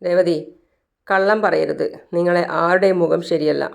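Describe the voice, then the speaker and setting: Brief: a firm, protective young husband, read plainly by a storyteller, pressing with questions, smooth clear tone. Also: medium pitch, fairly even intonation, normal speed, lightly acted. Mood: insistent.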